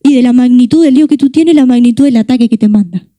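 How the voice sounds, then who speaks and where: A young woman with a Rioplatense Spanish accent preaches with passion, stacking up rhetorical questions. Her voice sits high yet sounds mellow and warm. The recording is dry and close. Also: quick pace, dry recording. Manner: impassioned, repetitive rhetorical questions. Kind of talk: sermon.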